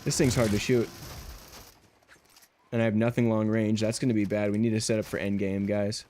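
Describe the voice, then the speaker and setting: With a fairly low, slightly mellow voice, a man chats with viewers during a gaming livestream, speaking a little fast in a flat delivery. He's relaxed and rambling, using lots of fillers. His headset mic picks up slight background noise.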